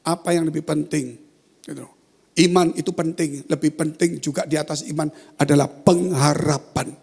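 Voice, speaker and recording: A pastor preaching a sermon, telling a story and swinging from quiet asides to loud, high exclamations. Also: male voice, fairly even intonation, moderate pace, vocal fry, husky.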